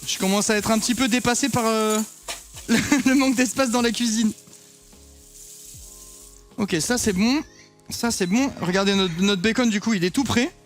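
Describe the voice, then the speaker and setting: A man's voice: high-pitched, normal speed, long pauses, soft background music. A young man chatting casually to viewers while cooking in his home kitchen, swearing now and then. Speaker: streamer cooking on stream. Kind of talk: casual live cooking chat.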